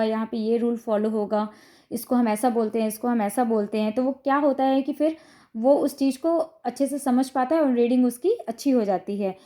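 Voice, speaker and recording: ऊँची, मधुर आवाज़ वाली महिला शिक्षिका. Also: female voice, fairly high pitch, mellow. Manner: patient, step-by-step explaining with frequent "ठीक है" checks. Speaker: teacher explaining phonics to parents. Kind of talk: explanatory lesson to camera.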